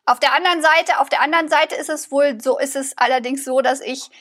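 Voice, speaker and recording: A woman's voice: high voice, fairly even intonation, fairly quick, a bit bright. A woman co-hosting a casual podcast chat, asking questions and thinking aloud with repeated words. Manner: inquisitive, thinks aloud with repetitions.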